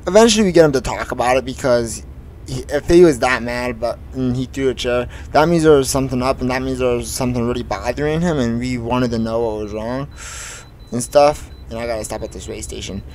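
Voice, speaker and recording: A man's voice: medium pitch, normal speed, a little mellow, a little hiss or hum, poor audio. A teenage boy casually telling a long school story while playing a truck driving game, rambling with many fillers and restarts. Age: teens. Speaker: gaming streamer.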